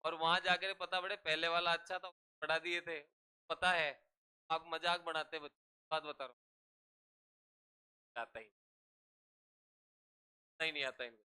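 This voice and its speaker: A man teaches a classroom in an unhurried, measured way, his voice very bright and piercing. His diction is extremely crisp and clean. He keeps drilling the class with repeated questions and has them repeat after him. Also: fairly high pitch, fairly even intonation. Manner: drills students with repeated questions and call-and-response. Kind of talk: classroom lecture.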